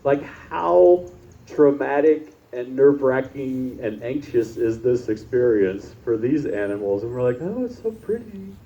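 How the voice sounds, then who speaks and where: A man's voice: mid-range voice, fairly even intonation, unhurried. A man preaching a conversational sermon, telling personal stories in a chatty, informal way and often tossing in "right?". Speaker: pastor. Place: church service. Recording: dull, lo-fi service recording.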